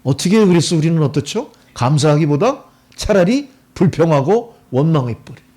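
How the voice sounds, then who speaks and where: A man's voice: on the high side, sing-song, a little fast, warm tone. A middle-aged male pastor preaching a sermon, often putting questions to the congregation.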